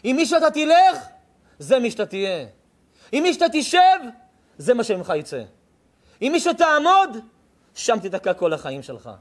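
A man's voice: very high voice, huge pitch swings, pauses often. A man, a rabbi, giving a sermon with emphatic, punchy repetition.

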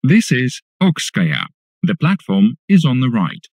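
A man making recorded subway announcements, formal and deliberate in the way he announces stations. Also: mid-range voice, wildly swooping pitch, no room sound, studio quality. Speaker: English-language metro announcer.

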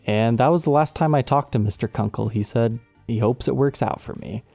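A man with a gravelly, dark voice tells a personal story as the host of his guitar channel. He sounds animated and exasperated as he retells it. The sound is dry and close. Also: mid-range voice, brisk, no room sound. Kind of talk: storytelling vlog.

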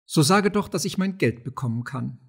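A man's voice: fairly high pitch, lively intonation, moderate pace, gravelly, slightly rough, full character voice. A man reading an audiobook of a play, voicing a sultan's clever sister who sounds coaxing and urgent, with no change from his own voice.

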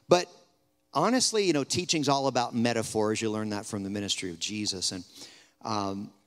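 A man preaching at an evening camp gathering, telling a story in a conversational way, sometimes dropping to a hushed retelling and sometimes rising with energy. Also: mid-range voice. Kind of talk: sermon with storytelling. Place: large hall at a camp gathering. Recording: long hall reverb.

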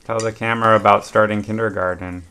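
A father at the breakfast table at home, gently asking his children encouraging questions, picked up by a home video camera on the table. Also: lowish voice, fairly even intonation, quick pace, smooth. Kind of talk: casual family chat.

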